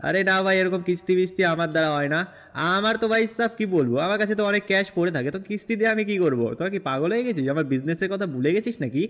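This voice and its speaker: A man's voice: high voice, animated, very fast, a bit bright. A man role-playing a boastful young game hero, talking in a rambling, chatty way. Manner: rambling, chatty, repeats fillers. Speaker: gameplay narrator and role-player. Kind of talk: game role-play narration.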